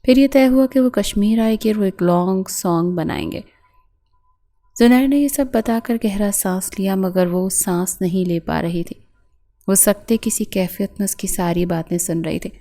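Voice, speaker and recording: A woman narrating a romantic novel in a soft, unhurried reading voice. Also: medium pitch. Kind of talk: scripted narration.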